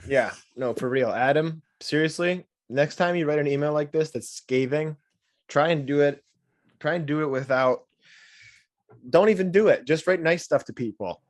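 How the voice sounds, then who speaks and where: A man's voice: a little high, normal speed, dry recording, studio quality. A man co-hosting a casual podcast, reading a listener's email aloud and breaking in with sarcastic asides. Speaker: podcast co-host.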